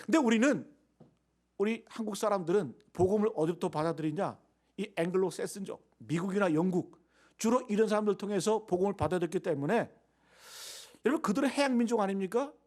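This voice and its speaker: A pastor delivering a Sunday sermon in a fairly high voice. He preaches emphatically and keeps turning to the congregation with rhetorical questions. His volume swings between loud stresses and near-whispered asides. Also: fast talker.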